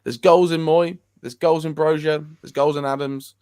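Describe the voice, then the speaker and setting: A young man co-hosting a casual football fan show, talking in halting bursts with many restarts. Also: fairly high pitch, steady tone, darkish tone, clear, resonant tone. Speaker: co-host of a football fan channel. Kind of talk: casual chat.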